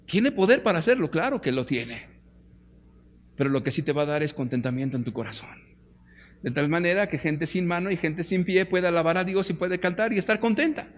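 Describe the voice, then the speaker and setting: A fervent male preacher with a Mexican Spanish accent and a high-pitched voice, delivering a sermon in a large church auditorium. He fires off rhetorical questions and swings between loud appeals and near-hushed lines. His voice rings with a long hall reverb. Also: expressive, a little fast. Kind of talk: impassioned sermon.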